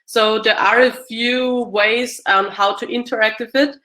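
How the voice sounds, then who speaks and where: Slow, bright-voiced Austrian woman. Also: a little high, fairly even intonation. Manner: hesitant, many fillers and restarts. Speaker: speaker answering audience questions. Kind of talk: casual Q&A talk. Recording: echoey room.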